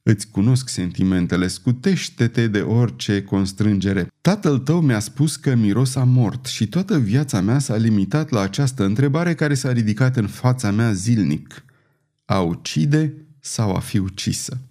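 A man reading an audiobook, voicing an aging, bitter, scheming queen mother in a grave, measured manner. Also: lowish voice, lively intonation, mellow, close to an everyday voice.

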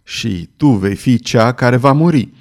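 A man's voice: mid-range voice, animated, a little mellow, lightly acted. A man voicing a scheming, ruthless queen in an audiobook, commanding and cold. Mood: vengeful. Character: scheming ruthless queen, middle-aged woman. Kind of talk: audiobook character reading.

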